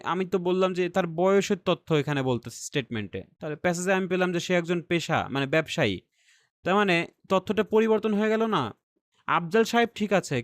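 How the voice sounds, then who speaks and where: A man's voice: sits high, dry recording, studio quality. A man teaching an exam-skills lesson step by step. He often checks in with his listeners and mixes English terms into his explanations. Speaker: IELTS reading teacher.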